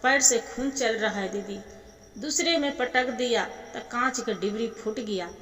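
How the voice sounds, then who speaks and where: A woman's voice: a little high, a little slow, fairly bright tone. A woman with a Bhojpuri accent telling a sad devotional folk story, emotionally addressing her listeners as sister. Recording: echoey reverberant hall.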